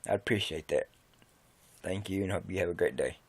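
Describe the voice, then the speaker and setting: This West Virginia man has a deep voice, a brisk pace, and an Appalachian accent, recorded with no room sound. An amateur, he covers a country song at home and makes folksy small talk between verses.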